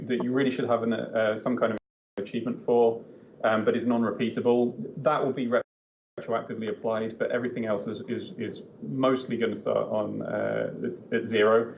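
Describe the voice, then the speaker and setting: A man's voice: medium pitch, creaky. An English-accented man answering questions in a live interview, loose and casual, with many "um"s as he explains. The sound is a little dull, with faint noise underneath. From England. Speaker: game developer guest.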